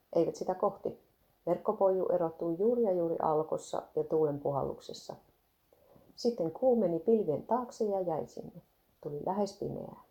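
A woman narrating a devotional story aloud in a steady, even reading. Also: on the low side, creaky.

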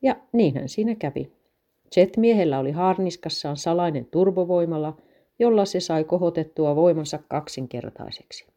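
Low, mellow woman reading a story. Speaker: narrator.

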